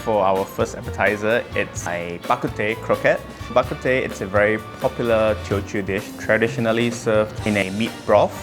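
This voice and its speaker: A chef from Singapore, explaining his appetizer in a friendly, relaxed way. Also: lowish voice, moderate pace, hardly any pauses, music in the background.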